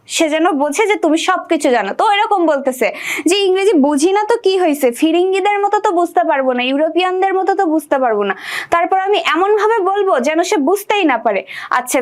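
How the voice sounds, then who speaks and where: A young woman teaching an exam-prep literature lesson. She reads lines from the text aloud, then explains them and asks her students questions. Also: very high voice.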